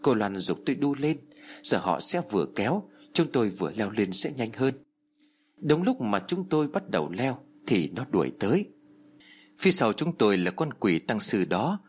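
Husky man telling a horror tale. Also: big pitch swings, moderate pace. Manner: acts out the characters' shouts and pleas with raised pitch. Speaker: storyteller. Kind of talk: dramatic horror story narration.

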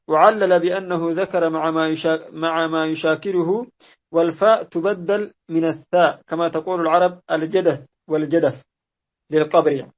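A man reading a classical exegesis text aloud in a measured way, restarting after slips. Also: a little high. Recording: dull lo-fi audio.

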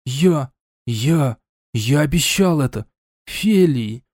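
A man's voice: medium pitch, measured pace, a little mellow, no room sound, studio quality, close to an everyday voice. A man voicing a stubborn young knight in love, who talks sullenly and stammers when pressed. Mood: anguished.

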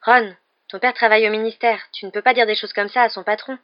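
A man's voice: high-pitched, fairly even intonation, fairly quick, no echo, lo-fi sound, voice pushed up, close to an everyday voice. A man doing an earnest teenage girl.

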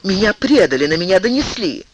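A man's voice: high voice, big pitch swings, brisk, a little hiss or hum, pitched above the performer's own voice, low-quality recording. A man doing a young ardent English duke. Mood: impassioned. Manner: earnest, pleading, emotional. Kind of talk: audiobook reading.

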